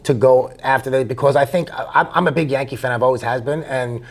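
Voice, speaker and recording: A man's voice: mid-range voice, quick pace. A man chatting casually as an interviewer, rambling through long, wound-up questions. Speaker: interviewer, high school baseball coach.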